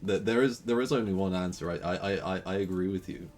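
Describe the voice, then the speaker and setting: This young man from the Netherlands talks fast in a low, darkish voice while streaming a game. He rambles and plays around in casual chat, laughing frequently, with a clear Dutch accent.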